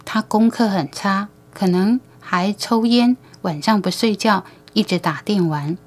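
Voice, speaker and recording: A woman's voice: mid-range voice, measured pace, natural voice. A woman reading the lines of a dejected mother in her thirties in an audiobook, speaking sadly. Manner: sad, downcast.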